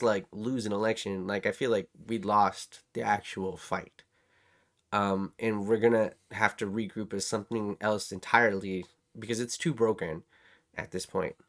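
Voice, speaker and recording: A man's voice: fairly low pitch, a bit bright. A man co-hosting a podcast, chatting casually about politics in a rambling, self-mocking way that often trails off. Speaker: podcast co-host.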